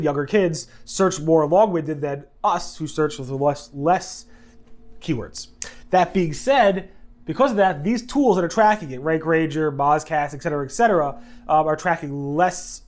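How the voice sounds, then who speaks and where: Fairly high in pitch yet darkish in tone, a congested man with a head cold runs a casual video news recap. He drifts as he talks, correcting himself often and adding quick asides.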